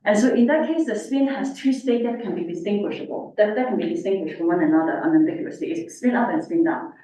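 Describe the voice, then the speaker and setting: A woman giving an informal technical lecture through a face mask, halting as she explains. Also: mid-range voice, animated, mellow. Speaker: academic lecturer, researcher. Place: indoor lecture room. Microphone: distant room microphone. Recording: very echoey, distant, faint room noise.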